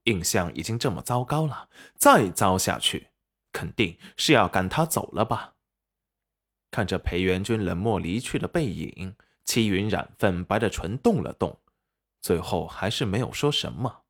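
A man narrating a serialized web novel audiobook with expressive storytelling. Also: deep voice, a little slow.

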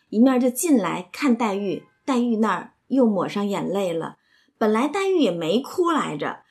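A woman hosting a podcast, explaining a classic novel in a lively conversational way, often asking listeners to agree. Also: on the high side, slightly rough. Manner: lively, asks listeners "right?". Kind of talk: conversational literary commentary.

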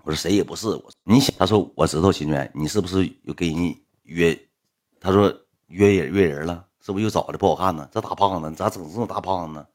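A young man with a Northeastern Mandarin accent telling a story to an audience in a blunt, colloquial way, swearing now and then and voicing both sides of the dialogue. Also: sits low. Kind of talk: casual spoken storytelling to an audience.

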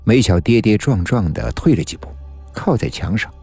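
A man's voice: on the low side, animated, moderate pace, darkish tone, husky, no room sound. A man narrating a suspenseful story in a tense storytelling manner. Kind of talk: dramatic story reading. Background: faint music.

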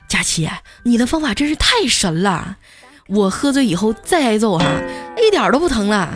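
A woman's voice: a little high, big pitch swings, normal speed, music in the background. A woman voicing a timid, henpecked young man who whines and stammers. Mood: sheepish. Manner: whiny and sheepish.

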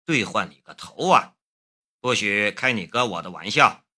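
A man's voice: medium pitch, animated, normal speed, bright, forceful tone. A man voicing a young man, a protective older brother who puts on a stern front, in an audiobook. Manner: gruff, mock-stern.

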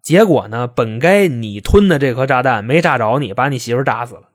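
A man's voice: medium pitch, lively intonation, fairly quick, no echo, clean studio sound, close to an everyday voice. A man voicing a blunt, impatient police detective who grills a suspect with sarcastic questions. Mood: accusing. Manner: scolding, sarcastic, pressing questions.

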